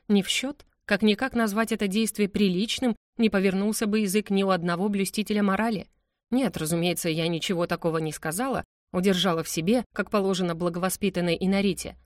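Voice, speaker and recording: A woman reads a first-person novel aloud with lively expression. Her voice sits mid-pitch and sounds dry and close to the mic. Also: no echo. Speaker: audiobook narrator. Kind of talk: first-person audiobook narration.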